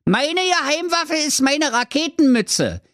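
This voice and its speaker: A man's voice: very animated, measured pace, a bit bright, dry recording, studio quality, full character voice. A man voicing a boastful little male dwarf agent in a radio comedy story. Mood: cocky. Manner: boastful, squeaky.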